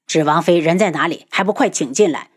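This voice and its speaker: A woman voicing a warm, eager young crown prince in an audiobook, slightly lowered. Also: brisk, slightly rough.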